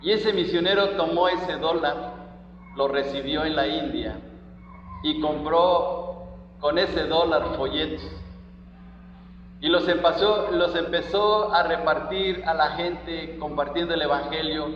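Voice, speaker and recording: A man's voice: fairly high pitch, takes it slowly, lo-fi sound, a little hiss or hum. A man preaching a sermon as pastor, reading scripture with emphatic stress on each phrase, recorded in a church hall.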